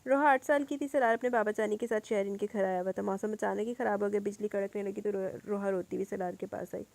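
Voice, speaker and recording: A woman narrating a romance novel aloud with expressive storytelling. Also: mid-range voice, gravelly, dry recording.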